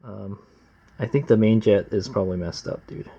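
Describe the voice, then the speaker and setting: A man talking casually and plainly like a gruff home mechanic while working at his bench, with slangy, unpolished asides. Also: fairly low pitch, moderate pace, dark tone, slight background noise. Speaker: amateur motorcycle mechanic, vlog host. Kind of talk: casual hands-on workshop narration. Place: workbench, close to the camera. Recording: slightly dull, lo-fi camera audio.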